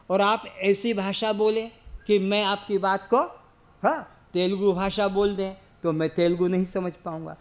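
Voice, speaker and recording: Slow, high-voiced male spiritual teacher. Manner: slow, explanatory, asks the audience questions; leads slow drawn-out chanting. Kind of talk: discourse to a seated audience.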